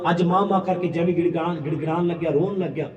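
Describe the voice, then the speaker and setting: A man's voice: a little high, fairly even intonation, fast talker. A man with a Punjabi accent telling a devotional story to a gathering, emotive and repeating refrains to the crowd. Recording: echoey hall, distant dull mic, crowd.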